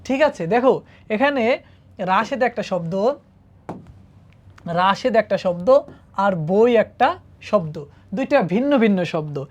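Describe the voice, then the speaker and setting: A woman's voice: medium pitch, animated, slow, long pauses, darkish tone, highs cut off. A woman teaching Arabic grammar to students in a classroom-style lesson, patiently asking them questions and checking that they follow. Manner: patient, asks the class questions and often checks with "ঠিক আছে?".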